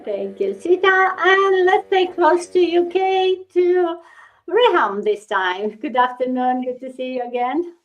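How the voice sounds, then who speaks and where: A woman hosting a live stream, upbeat and halting with many restarts. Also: very high voice, animated. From Romania. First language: Romanian. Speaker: host of a business live stream. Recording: muffled lo-fi stream audio.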